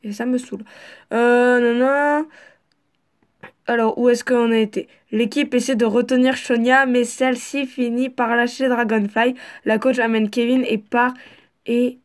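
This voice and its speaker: A young woman reads her own story in a loose, chatty way. Her voice sits a little high, and she drifts into rambling, swear-filled asides. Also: steady tone, measured pace. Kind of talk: casual story reading with asides.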